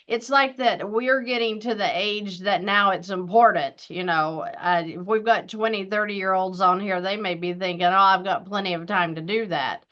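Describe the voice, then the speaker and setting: A woman in her fifties hosts a casual interview chat, chatty and upbeat, restarting herself now and then. Her voice is medium-pitched and a bit bright, moving at normal speed with hardly any pauses. The recording has a dull, lo-fi sound.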